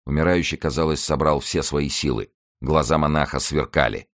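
A man narrating a classic novel as an audiobook, with dramatic, expressive storytelling. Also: rumbling low, normal speed. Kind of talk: scripted narration.

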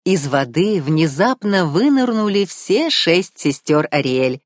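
A woman narrating a children's storybook in an expressive way. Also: on the low side, slow, no echo, clean studio sound. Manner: expressive, rising and falling. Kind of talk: storybook reading.

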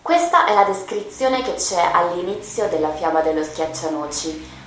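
A woman's voice: lowish voice, animated, moderate pace, a bit bright. A woman radio host reading a Christmas tale aloud, narrating it expressively and dramatically as a storyteller. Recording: very echoey room with faint music.

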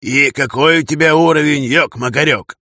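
A man voicing a loud, gruff older male partisan veteran who barks his words and keeps using a folksy catchphrase. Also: on the high side, normal speed, dry recording, clean studio sound, faint music behind, voice pushed up. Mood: gruff pride.

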